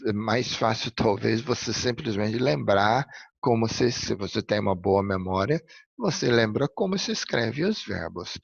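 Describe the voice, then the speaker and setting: A man's voice: fairly low pitch, animated, measured pace, gravelly, breathy edge, no echo, highs cut off. A man from Brazil teaching an English lesson, explaining step by step and often checking in with "ok?" and "alright?". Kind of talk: recorded classroom lesson.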